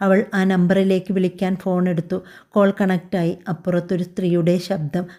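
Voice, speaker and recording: A woman tells a scripted story in a calm, even way. Her voice sits low and sounds mellow and soft. She reads every part in that same steady narrating voice. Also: moderate pace. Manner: calm, even storytelling voice that also reads all the characters' lines.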